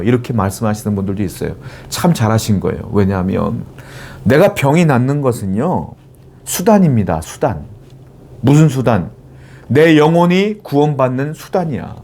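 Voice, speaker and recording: A man's voice: medium pitch, warm tone, a little hiss or hum. A middle-aged man preaching a sermon as a pastor, earnest and at times emphatic as he exhorts his congregation.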